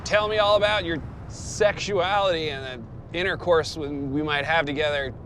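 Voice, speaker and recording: A man playing an impulsive, childish, cocky police detective in a sitcom, with flippant, excitable delivery. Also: fairly high pitch, moderate pace, a little hiss or hum, close to an everyday voice. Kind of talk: sitcom acting.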